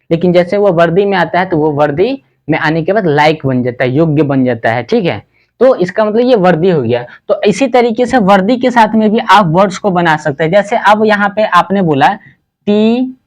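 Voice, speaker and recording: A man teaching an English lesson in Hindi. He keeps asking the class questions and answering them himself, and he spells words out slowly, letter by letter. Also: sits high.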